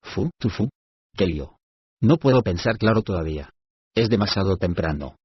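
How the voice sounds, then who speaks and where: A man's voice: low-pitched, expressive, normal speed, slightly rough, dry recording, highs cut off. A man voicing a fussy, sleepy old male owl who hoots and frets that his head is muddled, in a storybook reading. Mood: fretful. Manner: hooting, muddled, frets it is too early.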